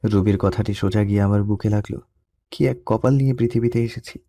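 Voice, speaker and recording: A man's voice: lowish voice, fairly even intonation, fairly quick. Young man narrating a sad love story. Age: young adult. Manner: soft, melancholy storytelling. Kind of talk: scripted first-person story narration.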